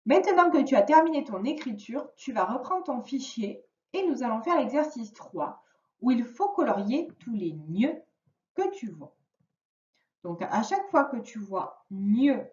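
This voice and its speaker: Primary teacher, woman, fairly high voice, patient and careful, taped in an echoey room. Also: sing-song, darkish tone. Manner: slow, patient, clearly articulated instructions. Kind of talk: remote reading lesson for a young child. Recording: roomy, distant, dull lo-fi sound.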